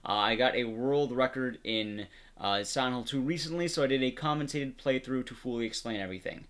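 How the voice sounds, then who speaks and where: A streamer who speedruns horror games gives casual, conversational live commentary on a game, explaining things straight to his viewers. His medium-pitched voice is fairly bright and brisk.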